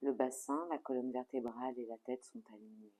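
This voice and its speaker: Guiding a relaxation in a mid-range voice, the yoga nidra instructor sounds calm and soothing. The pacing is measured, and phrase endings are kept soft.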